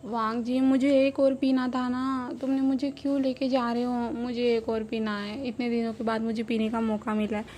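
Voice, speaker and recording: A woman's voice: a little high, little pitch movement, moderate pace, hardly any pauses, a little mellow, slight background noise, lightly acted. Woman doing a whiny drunk young man. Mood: drunk whining. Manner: pouting, slurred and complaining.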